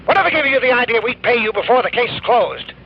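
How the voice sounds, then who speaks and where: An actor playing a fussy, indignant middle-aged insurance executive who sputters and repeats himself, in 1950s radio drama style, heard through a muffled AM radio broadcast. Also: male voice, very high-pitched, lively intonation, fast talker, gravelly, exaggerated voice. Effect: muffled AM radio broadcast sound. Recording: muffled old radio broadcast with faint hiss.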